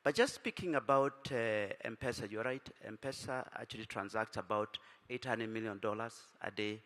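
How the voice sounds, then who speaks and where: Man, low voice, panel answer, halting fillers, long hall reverb. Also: a bit bright. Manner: businesslike, many fillers and restarts. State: tired from little sleep. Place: conference hall.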